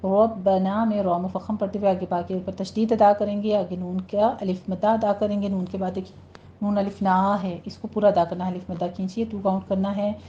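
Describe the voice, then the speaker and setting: A woman gives a Quran recitation lesson in a warm, relaxed voice. She stretches each word out slowly as she demonstrates it, then speeds up to explain the rule. The recording is dull and lo-fi. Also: medium pitch. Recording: dull lo-fi sound.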